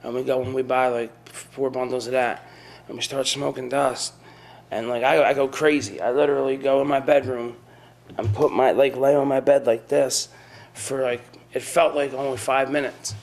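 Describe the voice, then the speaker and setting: A man's voice: mid-range voice, fairly even intonation, moderate pace. A young man rambling through a casual rant, repeating himself and tossing in "you know what I mean.". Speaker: storyteller.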